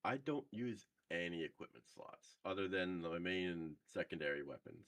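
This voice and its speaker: Man, young adult, group voice chat, very low voice, halting speech, lots of fillers. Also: expressive, fairly bright tone, dry recording. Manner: hesitant, halting with many fillers. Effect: heard over group voice chat. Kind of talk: casual gaming chat.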